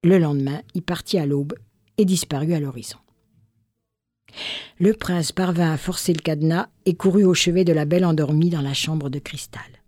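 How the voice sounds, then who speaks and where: A woman reading a literary fairy tale aloud with measured, expressive narration. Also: low-pitched, dry recording, clean studio sound. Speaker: storyteller.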